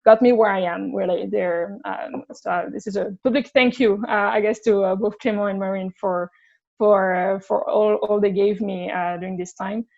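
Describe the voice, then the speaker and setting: A woman's voice: mid-range voice, steady tone, normal speed, creaky, a little mellow, muffled recording. A woman in her thirties from France, speaking English with a French accent as an interview guest, candid and thinking aloud with frequent restarts. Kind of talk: casual conversational interview.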